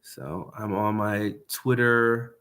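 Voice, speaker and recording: A man's voice: fairly low pitch, steady tone, slow, a bit bright. A man hosting his podcast, chatting casually on a livestream with a stuffed-up nose, rambling loosely and dropping swear words and slang. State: congested nose. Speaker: podcast host.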